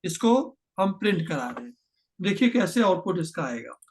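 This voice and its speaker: This high-voiced man is very animated as he teaches programming in a screen-share tutorial, going step by step with patience, mixing in terms and slowing down to dictate code. A little hiss or hum is audible.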